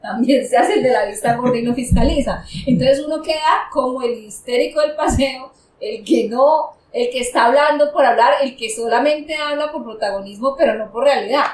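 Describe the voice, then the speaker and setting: A woman accountant and former auditor from Colombia, chatting on a panel in an animated way and acting out the people she quotes. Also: high-pitched, moderate pace, hardly any pauses, distant mic. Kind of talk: casual panel chat. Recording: echoey room, off mic, faint noise.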